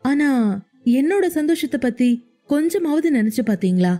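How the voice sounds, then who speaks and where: A woman's voice: big pitch swings, moderate pace, dark tone, faint music behind. A woman putting on a tearful young student girl. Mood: tearful pleading. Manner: sobbing, high-pitched pleading.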